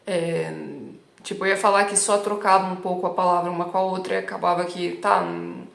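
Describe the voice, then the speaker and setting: A woman's voice: fairly low pitch, little pitch movement, a little fast, gravelly, a bit bright, roomy sound. A woman from Milan, a native Italian speaker with a Milanese accent, teaching in a chatty, casual way and checking in with her students often. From Milan, Italy. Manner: chatty, keeps checking in with "tá bom?". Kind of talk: casual online lesson.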